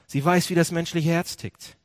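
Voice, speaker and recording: Speaking at a normal pace in a fairly high voice, a pastor preaches animatedly to his congregation and keeps asking them questions. He frequently stops to restart or fix a phrase partway through, and the studio recording is clean and dry.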